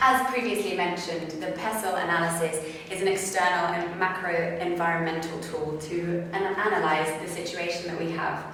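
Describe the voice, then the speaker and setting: A woman's voice: on the low side, steady tone, moderate pace, few pauses, fairly bright tone, a little hiss or hum. A woman giving a team case presentation in a formal, explanatory way. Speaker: student presenter. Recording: echoey hall from a distance.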